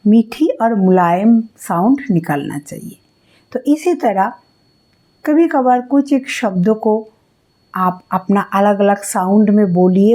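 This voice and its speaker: A woman's voice: mid-range voice, warm tone. A woman teaching singing, patiently explaining how to put emotion into the voice and demonstrating it aloud. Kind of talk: music lesson on expressing emotion.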